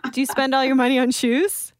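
A woman's voice: sits high, completely flat delivery, moderate pace, background noise. A woman co-hosting a podcast, in playful, giggly, teasing banter. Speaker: podcast co-host.

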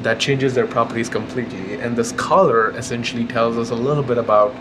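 Guy scientist explaining stuff in his lab, informal, normal pitch, slight background noise. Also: steady tone, brisk. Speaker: scientist, interviewee. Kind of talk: explaining in an interview. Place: indoors in a lab. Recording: faint room noise on location. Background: faint noise, room ambience.

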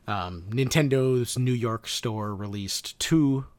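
A man's voice: medium pitch, takes it slowly, no room sound. A man chatting casually as a podcast co-host, rambling and often correcting himself mid-sentence.

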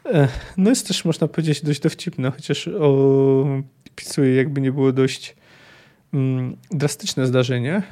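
A man's voice: mid-range voice, slow pace, dark tone. A man hosting a podcast about a fantasy novel, reading passages aloud and talking about them with many fillers and self-corrections. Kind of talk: book discussion with read-aloud passages.

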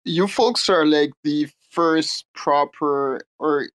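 A man in a casual online audio chat who speaks politely and haltingly, often stopping and restarting. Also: a little high, a bit bright. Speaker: listener joining an audio chat.

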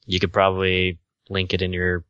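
A man with a Utah accent giving casual, halting, tentative answers as an interview guest. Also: low voice, completely flat delivery, fairly bright tone, clear, resonant tone, no echo, dull audio.

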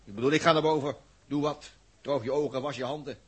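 A man as Jaap, a gruff, impatient crewman. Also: medium pitch, steady tone, quick pace, natural voice. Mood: brusque. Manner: brusque, teasing, dismissive. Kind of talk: vintage radio drama acting.

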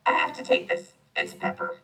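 A man's voice: moderate pace, pushed and bright, close to an everyday voice. A male playing Iron Man, a defensive armored superhero, in a youth audio play, recorded roomy and off the mic. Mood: brisk. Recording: roomy, distant mic, faint music.

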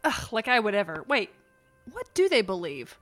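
A woman's voice: mid-range voice, very animated, moderate pace, a bit bright, faint music behind. A woman voicing a wry, skeptical young woman in a cartoon, with a dry, sarcastic manner.

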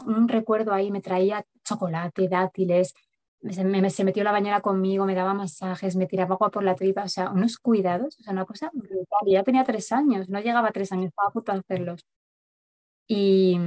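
A woman's voice: mid-range voice, darkish tone. A woman, telling a personal story as an interview guest in a chatty way full of fillers. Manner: rapid, chatty, many verbal fillers. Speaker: guest mother recounting a home birth.

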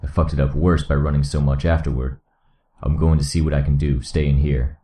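A man reading a story aloud, voicing a gruff, hulking young man who growls his curt lines in a disguised deep voice. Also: flat delivery, fairly quick, warm tone. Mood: resolute. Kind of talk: audiobook reading.

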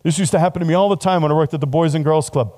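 A man's voice: on the high side, rapid-fire, darkish tone. A middle-aged man preaching a casual, conversational sermon to students, laughing at himself often.

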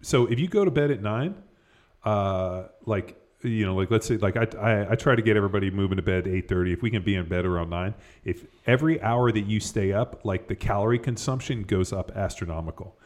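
A man's voice: on the low side, a little fast, a little mellow. A man hosting a podcast in loose, casual chat, swearing often and rambling with lots of fillers. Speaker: podcast host.

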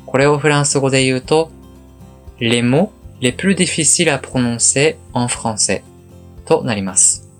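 A man who teaches French, giving a calm, explanatory podcast lesson and spelling words out slowly. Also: mid-range voice.

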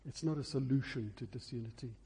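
A male preacher delivers a sermon with a dark, mellow, husky voice pitched in the middle range. His phrasing is emphatic and deliberate, and he repeats key words to drive them home.

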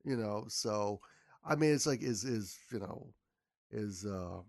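A man's voice: on the low side, expressive, takes it slowly, gravelly. A man as a podcast guest, talking casually and rambling with lots of restarts. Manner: rambling, many repeated starts. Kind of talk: casual conversation.

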